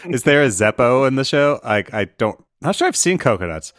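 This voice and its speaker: Giggly man with a lively voice. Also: medium pitch, no room sound, clean studio sound. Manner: giggly, quick to laugh. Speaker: podcast co-host. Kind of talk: casual podcast chat.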